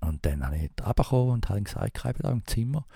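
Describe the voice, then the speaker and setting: A man with a Swiss German accent rambles quickly through an anecdote, pausing on fillers and restarting his sentences. His low voice is gravelly and dark. The recording is dry and close. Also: sing-song, no room sound. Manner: rambling, halting, many fillers and restarts, imitates thumping sounds. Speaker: storyteller. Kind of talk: casual spoken anecdote.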